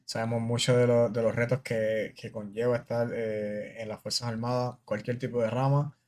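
A man's voice: mid-range voice, little pitch movement, moderate pace, darkish tone. A man from Puerto Rico with a Puerto Rican Spanish accent, hosting a podcast interview in casual, earnest talk that often restarts and repeats words. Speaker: podcast host, army officer.

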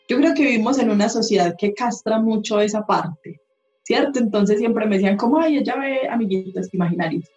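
A woman's voice: medium pitch, a little mellow. A woman, a holistic therapist, talking in a candid podcast chat and swearing casually as she tells stories. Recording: roomy, slightly dull sound, faint music.

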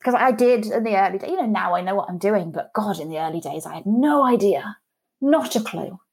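A woman's voice: medium pitch, lively intonation, a little fast, vocal fry, a little mellow. Woman in her 30s, candid chatty interview guest, lots of restarts. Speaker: guest, PR business owner. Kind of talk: casual interview conversation.

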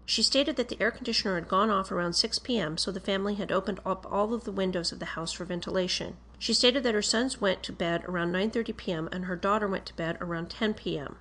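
A woman reading a police interview report aloud in a formal, measured, matter-of-fact way. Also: mid-range voice, fairly bright tone.

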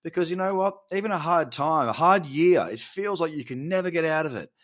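A man's voice: a little high, lively intonation, a little fast, a bit bright. A man, casually running through a market update, chatty and encouraging, and often correcting himself mid-sentence. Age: 30s. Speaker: crypto market vlogger.

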